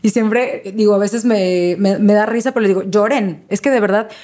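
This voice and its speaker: A woman's voice: mid-range voice, moderate pace, warm tone. A woman, a guest speaking as a maternity and grief specialist in a casual interview, earnest and repeating key phrases for emphasis.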